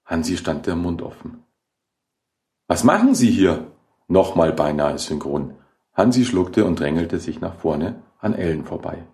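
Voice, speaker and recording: A man narrating a horror short story in a measured, dramatic reading. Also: low-pitched, gravelly, mellow. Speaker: audiobook narrator.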